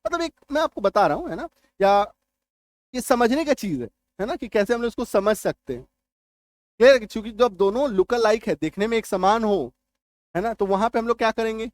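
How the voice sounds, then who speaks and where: A man's voice: sits high, animated, a little fast. A man giving a spoken English spelling lesson, drilling words aloud and checking whether his students understand. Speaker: English teacher.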